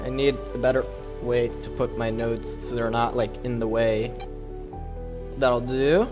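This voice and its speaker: A man's voice: medium pitch, little pitch movement, measured pace. A man streaming a speedrun, chatting casually to viewers and himself as he sets up, heard through livestream headset audio. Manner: talks to himself while setting up, hypes himself up. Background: music.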